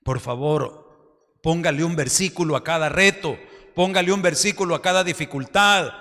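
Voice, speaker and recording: A pastor preaching a sermon fervently, often dropping into a confiding tone. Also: male voice, on the high side, normal speed, bright, forceful tone. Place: church hall. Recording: reverberant church hall.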